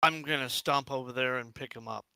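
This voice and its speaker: A man's voice: mid-range voice, fairly quick, pushed and bright, clear, resonant tone. A man speaking casually as a player in a tabletop roleplaying game.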